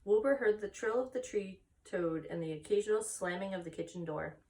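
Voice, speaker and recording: Female story time narrator, mid-pitched, expressive read for children, microphone slightly far away. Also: a little fast.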